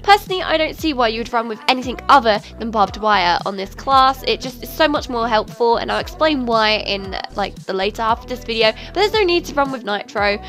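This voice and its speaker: A woman's voice: fairly high pitch, animated, brisk, hardly any pauses, a bit bright. A woman hosting a casual, chatty video game tutorial, her nose stuffed up with a cold. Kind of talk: casual gaming tutorial commentary. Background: music.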